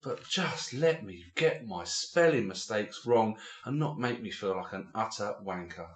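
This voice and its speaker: A man in his forties from England, co-hosting a podcast and telling stories in a casual, animated way with lots of fillers. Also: on the low side, measured pace, echoey room. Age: 40s. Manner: animated storytelling, many fillers and restarts. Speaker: podcast co-host. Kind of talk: casual chat.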